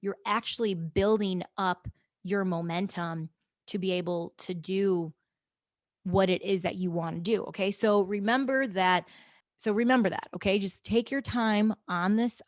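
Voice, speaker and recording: A woman's voice: mid-range voice, moderate pace, no echo, clean studio sound. A woman hosting her own podcast, talking casually and encouragingly to listeners, often checking in with "okay?" and "guys". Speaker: podcast host. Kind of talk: casual motivational monologue.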